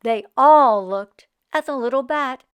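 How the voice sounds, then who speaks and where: A woman reading a picture book aloud to children, expressive and slow. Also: sits high, clear, resonant tone. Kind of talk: read-aloud storytelling.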